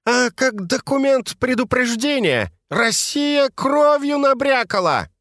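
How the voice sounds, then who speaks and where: A man's voice: very high-pitched, very animated, takes it slowly, fairly bright tone, no room sound, clean studio sound, voice pushed up, exaggerated voice. A man voicing a stubborn, ruined former trader with an insistent manner, in an audiobook.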